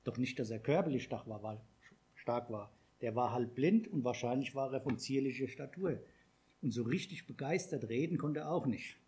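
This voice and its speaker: A man's voice: medium pitch, normal speed, a little mellow, breathy edge. A man preaching a sermon, talking conversationally and asking the congregation questions.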